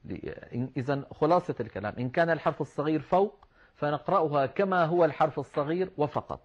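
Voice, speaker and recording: A man teaching Quran recitation rules, patiently explaining step by step and slowing down to demonstrate words. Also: on the high side, husky. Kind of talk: explanatory religious lesson. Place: online class with shared screen. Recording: slightly dull lo-fi sound.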